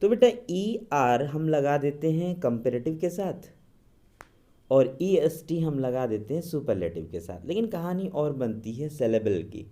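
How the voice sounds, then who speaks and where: A man's voice: on the high side, big pitch swings, unhurried, warm tone. A man teaching English grammar, patiently explaining and drawing out his English examples word by word. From India. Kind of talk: classroom grammar lesson.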